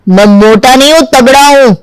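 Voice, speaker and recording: A stubborn chubby young man from a cartoon, whining and arguing over every point. His voice sits high for a man and sounds dry and close, with no room around it. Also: normal speed, clean tone, no echo, poor audio. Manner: whiny, argumentative. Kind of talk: Hindi cartoon dubbing.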